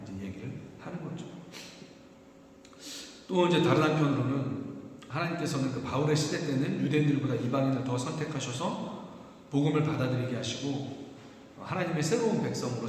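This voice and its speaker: Male pastor, mid-pitched, conversational sermon delivery with emphatic rises, recorded in a reverberant church hall. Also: a little mellow. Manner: conversational preaching, rising emphasis, slows for scripture. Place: church sanctuary. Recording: echoey hall, faint noise.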